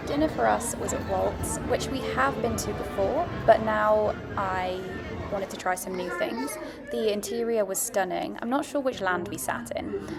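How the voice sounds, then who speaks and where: A woman giving a casual, chatty, understated voice-over review as a food and travel vlogger. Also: mid-range voice.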